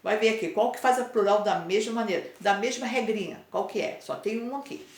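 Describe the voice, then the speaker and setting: Brazilian woman, mid pitch, grammar teacher, patient and repetitive, echoey room. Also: a little hiss or hum. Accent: Brazilian Portuguese. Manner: patient, drawn-out spelling of word endings with frequent "né?" and "tá?" checks. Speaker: Portuguese teacher. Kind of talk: explaining homework to pupils.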